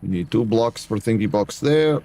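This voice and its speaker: A streamer with a lowish, dark voice talks animatedly at a moderate pace while building in a game. He chats with viewers in a joking Eastern European dictator voice, skipping articles in deliberately broken English.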